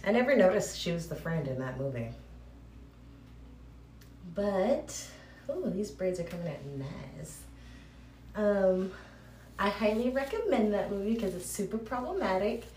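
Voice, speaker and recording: A woman's voice: mid-range voice, big pitch swings, unhurried, long pauses, mellow, recorded from a distance. A woman rambling informally as a podcast host, with playful asides and a cave-like echo from a bathroom. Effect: cave-like echo from the room. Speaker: podcast host recommending movies. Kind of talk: casual chat. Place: bathroom, on location. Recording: echoey cave-like bathroom, noisy.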